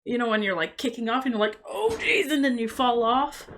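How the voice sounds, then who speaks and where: A woman's voice: fairly high pitch, fast talker, fairly bright tone, slight background noise. A woman hosting a reaction video, chatting casually and skeptically about what she sees. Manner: chatty, skeptical, thinking aloud. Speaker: host reacting to paranormal clips.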